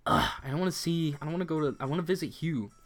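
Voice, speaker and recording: Over faint background music, a man rattles off chatty gameplay commentary on a romance game in a rapid-fire, expressive voice that sits on the high side. As a let's-play host, he reads the game's text aloud.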